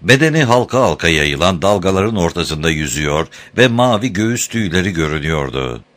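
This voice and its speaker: A man narrating an audiobook chapter in an expressive, dramatic reading style. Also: sits low, brisk. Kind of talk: scripted narration.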